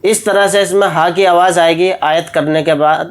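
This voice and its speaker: Smooth-voiced male recitation teacher. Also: on the high side, steady tone. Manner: brisk step-by-step rule explanations. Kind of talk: Urdu tajweed lesson.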